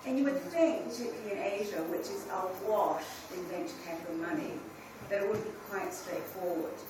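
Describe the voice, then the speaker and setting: A middle-aged New Zealand woman gives an informal panel talk to a conference room, relaxed and direct, frequently restarting her phrases. Her medium-pitched, brisk voice is picked up from far off in a very echoey hall, with steady ambient noise underneath.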